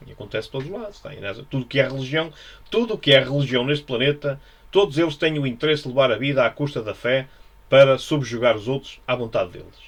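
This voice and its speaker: A man's voice: mid-range voice, lively intonation, fast talker. A man with a European Portuguese accent giving an informal Bible study, musing and repetitive, often checking with his listeners. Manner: musing, repetitive, frequent tag questions. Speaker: religious teacher.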